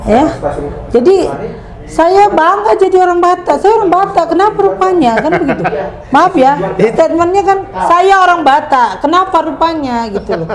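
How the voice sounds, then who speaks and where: A woman's voice: extremely high pitch, animated, normal speed, a crowd in the background. A middle-aged woman from Indonesia, speaking as an interview guest and making her points emphatically with rhetorical questions. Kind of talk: conversational interview.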